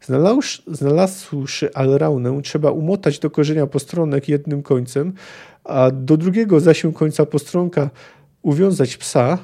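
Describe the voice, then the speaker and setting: A boisterous, tipsy dwarf speaks bluntly, in old-fashioned folksy turns of phrase, as a man reads him aloud. The voice is a bit high and soft-toned. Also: a little slow. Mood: boastful.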